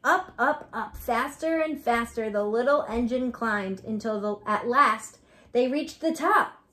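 A woman teacher reading a storybook to children, gently and with soft asides. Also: fairly high pitch, a little slow.

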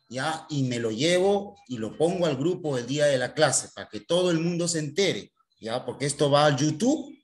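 Man teaching a class, checking "¿ya?". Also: on the high side. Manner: talks to students, repeatedly checks with "¿ya?". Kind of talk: recorded online class.

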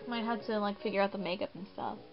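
A woman's voice: medium pitch, steady tone, fast, vocal fry. Chatty woman over game music. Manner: chatty, rambling, self-mocking. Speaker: gaming video host. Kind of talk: casual gameplay commentary. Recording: muffled, with game music behind.

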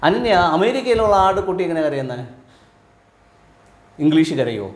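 A man from Kerala teaching like a preacher, firing quick rhetorical questions at his listeners and dropping low and quiet at the ends of his points. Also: big pitch swings. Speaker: spiritual teacher. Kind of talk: sermon-style teaching to a live audience. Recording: roomy echo from a hall.

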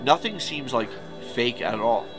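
A New York man in his thirties, congested and nasal-sounding, hosts a YouTube reaction video from a small room full of horror collectibles, chatting casually and rambling. His mid-range voice has lively intonation and an unhurried pace, and music plays underneath.

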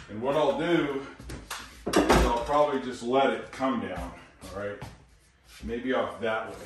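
An older man presents DIY home repairs in a small indoor kitchen, his medium-pitched voice chatty and folksy as he keeps checking in with viewers during a casual how-to. A tripod camera mic some distance off picks up an echoey room and clear work noise.

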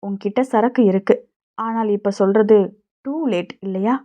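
A woman's voice: mid-range voice, steady tone, unhurried, dark tone, close to an everyday voice. A woman voicing a poor, kindly older flower-selling woman in a storybook reading, talking plainly and colloquially, on a dull lo-fi recording.

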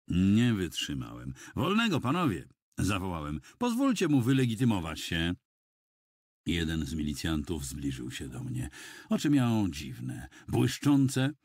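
A man reading a first-person audiobook in a measured, dramatic storytelling manner, close to a studio mic. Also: low voice, darkish tone, husky, dry recording. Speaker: audiobook reader.

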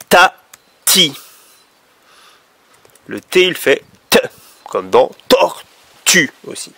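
Male phonics teacher, unhurried, gravelly voice, patient and clear with small kids. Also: mid-range voice, a bit bright, no room sound. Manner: patient, drawing out each letter sound. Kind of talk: phonics lesson for young children.

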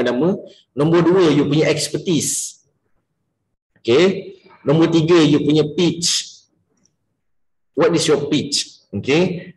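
Malaysian male sales coach, lively class leader, slightly high voice, echoey room. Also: a little hiss or hum. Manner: energetic, mixes English into Malay, quizzes participants by name.

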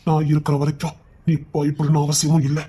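A man voicing a devoted, protective young husband who reassures his wife in a low, firm, hushed voice, in an amateur audio drama. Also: fast talker. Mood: tender.

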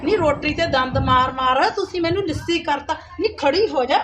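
A woman's voice: sits high, normal speed, noisy background, close to an everyday voice. A woman playing a cruel, scheming stepmother who taunts and scolds with wailing cries. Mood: scolding. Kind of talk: Punjabi village skit acting.

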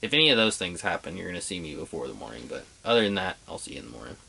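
A young man chatting casually to camera in a laid-back, unhurried way, with some mild swearing, as an ice fishing vlogger. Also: deep voice, sing-song, creaky, bright, forceful tone, slight background noise, low-quality recording. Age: young adult. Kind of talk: casual vlog chat. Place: small ice fishing shelter and outdoors on a frozen lake at night.

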